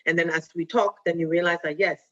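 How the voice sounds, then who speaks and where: A woman's voice: lowish voice, steady tone, quick pace, a bit bright. Woman giving a casual health talk. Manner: conversational, often checks in with "right?"; mixes Twi phrases into English. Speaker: diabetes educator. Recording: dull lo-fi recording.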